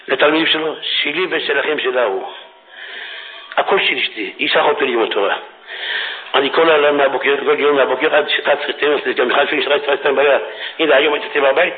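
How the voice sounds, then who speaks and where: Impassioned preacher, tinny phone-like sound. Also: male voice, on the high side. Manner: impassioned, swings between shouting and hushed. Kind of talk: fiery religious sermon. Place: religious study hall. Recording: tinny phone-like radio recording.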